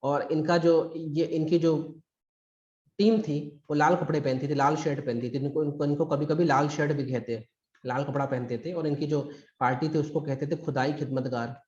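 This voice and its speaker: A man's voice: a little high, steady tone, moderate pace, darkish tone, reverberant, dull audio. A man teaching a live online history class for exam preparation, talking in a conversational, emphatic way. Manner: conversational and emphatic, acts out quotes. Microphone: recorded through a video call.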